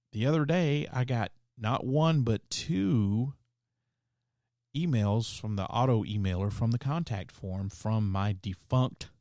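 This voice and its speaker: Low-voiced guy doing his solo podcast, opinionated, lots of ums, dry sound. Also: darkish tone, dry recording. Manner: rambling, opinionated, many fillers and restarts. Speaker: podcast host. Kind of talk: casual solo podcast monologue.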